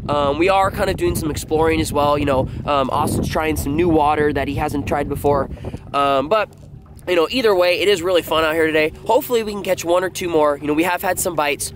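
A young man with a slightly high voice talks to a camera held at arm's length, upbeat and chatty with plenty of ums and you-knows. He is outdoors on a boat, and the engine and water noise is clearly heard behind him. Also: fairly quick. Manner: upbeat, chatty, lots of fillers. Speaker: fishing vlogger. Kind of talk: casual vlog chat.

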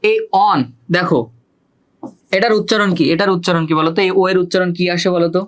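Brief: young Bangladeshi man, high pitch, teacher running an online class, repeats himself, quizzes students, stretches out example sentences. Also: steady tone, a bit bright. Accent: Bangladeshi Bengali. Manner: repetitive, questioning students, drawn-out example sentences. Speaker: English teacher.

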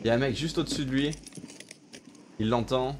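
A young man streamer commentating a tournament live, hyped and slangy, cheering and shouting at the big moments, heard through a gaming headset. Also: mid-range voice, fairly quick, background noise.

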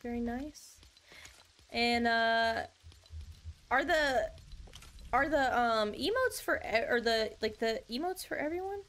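A woman's voice: a little high, animated, slow pace, long pauses, a bit bright. A young woman streaming a game, chatting casually with viewers in a bubbly, chatty way and laughing often. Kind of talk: casual live-stream chat.

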